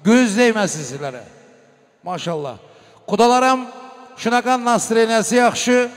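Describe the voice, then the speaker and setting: A man working as a wedding master of ceremonies, making festive, emphatic, booming announcements, giving blessings and directing guests. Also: measured pace. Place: reverberant wedding venue. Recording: hall reverb with music behind. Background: music.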